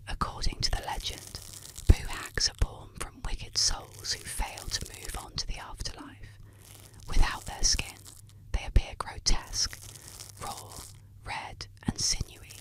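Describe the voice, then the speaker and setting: Whispering woman, ASMR bedtime storyteller. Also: poor audio. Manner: hushed, slow, soothing delivery meant to lull to sleep. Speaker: narrator.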